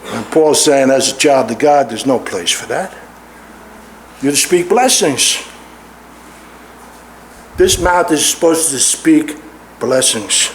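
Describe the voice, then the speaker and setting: A man's voice: mid-range voice, takes it slowly, pauses often, slight background noise. A middle-aged man preaching a sermon in a church, stressing and repeating his key words. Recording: roomy echo in a large hall.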